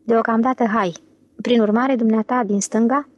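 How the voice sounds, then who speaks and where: A woman's voice: fairly high pitch, steady tone, no echo, muffled recording, lightly acted. A woman voicing an impatient, bossy young man in an audiobook.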